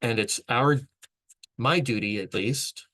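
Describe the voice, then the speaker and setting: A man's voice: mid-range voice, takes it slowly, pushed and bright, poor audio. A man hosting a vlog, delivering an earnest, rambling motivational monologue with frequent restarts. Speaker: vlog host.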